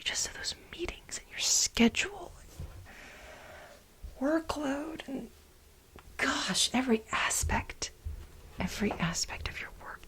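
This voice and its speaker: Fully in character and pitched high, a woman performs an aggrieved female assistant for ASMR, sounding indignant and demanding. She whispers breathily, halting dramatically and repeating herself for emphasis in this soft-spoken role play.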